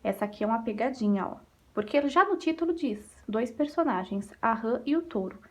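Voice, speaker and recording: A woman's voice: a little high, lively intonation, a little fast. A woman with a Brazilian Portuguese accent, a primary school teacher going over exercises in a recorded remote lesson, patiently asking and answering her own questions.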